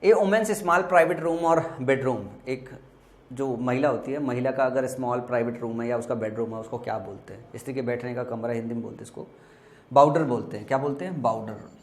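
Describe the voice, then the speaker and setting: A man's voice: mid-range voice, steady tone, a little mellow. Echoey Hindi-speaking male vocabulary teacher. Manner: explains slowly with repetition and spelled-out letters. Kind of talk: exam vocabulary lesson.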